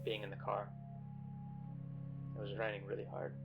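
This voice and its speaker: A man voicing a hesitant, anxious man on a call, halting and stammering, his voice bitcrushed and crunchy. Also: fairly low pitch, completely flat delivery, creaky, faint music behind. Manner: halting, stammering, repeats words.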